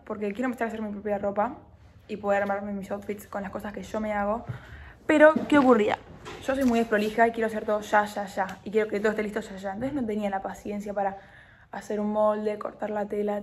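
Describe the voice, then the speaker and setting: A woman's voice: mid-range voice, slight background noise. Chatty young Argentine woman vlogging. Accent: Argentine Spanish. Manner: chatty, self-deprecating, slips in English words. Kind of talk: casual chat to camera.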